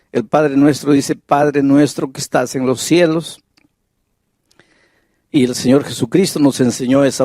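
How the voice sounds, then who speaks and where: Slow, deliberate preaching pastor, a man. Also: a little high, dark tone, no room sound, clean studio sound. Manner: reads Bible verses aloud, asks rhetorical questions. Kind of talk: sermon.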